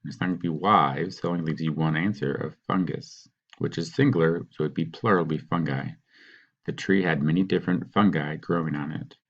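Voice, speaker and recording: A man teaching, patiently talking students through a worksheet and sounding out words slowly. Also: extremely low pitch, dull audio. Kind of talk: recorded classroom walkthrough.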